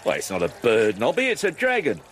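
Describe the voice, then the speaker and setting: An actor playing a dim, cowardly watch sergeant who blusters and then panics. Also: male voice, medium pitch, huge pitch swings, brisk, fairly bright tone. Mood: dismissive.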